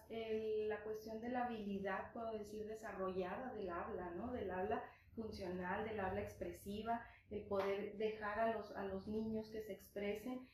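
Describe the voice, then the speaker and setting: A woman's voice: mid-range voice, darkish tone. Echoey woman psychologist explaining. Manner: explains patiently, often adds tag questions. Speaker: psychologist guest. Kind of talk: explanatory interview talk. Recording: very echoey room with faint noise.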